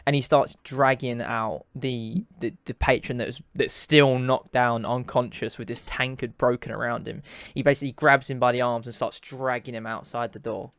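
A man's voice: mid-range voice, fairly even intonation, normal speed, hardly any pauses, fairly bright tone, smooth, no echo. A man narrating as game master of a tabletop game, often repeating words as he describes scenes.

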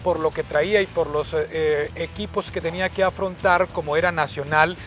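A Colombian man talks football as a show co-host, in a fairly high voice. He phrases things haltingly, on a lapel mic outdoors, with faint music behind. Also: steady tone, a bit bright. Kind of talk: unscripted match analysis. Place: outdoors in a park at night.

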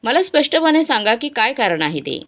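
A woman's voice: a little high, very animated, a little fast, a bit bright, pitched above the performer's own voice. A woman doing a firm elderly mother. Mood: demanding. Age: older.

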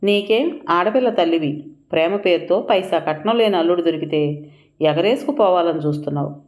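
A haughty middle-aged mother who cares about status, speaking in a low, sarcastic, dismissive voice, as a woman storyteller puts her on. She belongs to a narrated audio story and keeps a cutting, superior edge. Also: lively intonation, brisk, darkish tone, natural voice. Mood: scornful.

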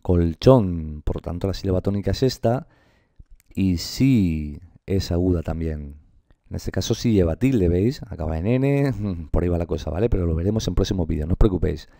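Male teacher with a Spain Spanish accent, low gravelly voice, dark tone, dry close sound, patient explainer. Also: no room sound. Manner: explanatory, addresses viewers directly, drawn-out example words. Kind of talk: online grammar lesson.

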